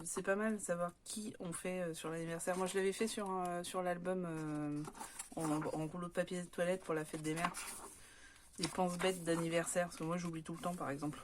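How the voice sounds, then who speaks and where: Showing off her craft papers, this scrapbooking vlogger from France talks casually and hesitates a lot with fillers. Her pitch is fairly low, and a little hiss or hum runs under the recording.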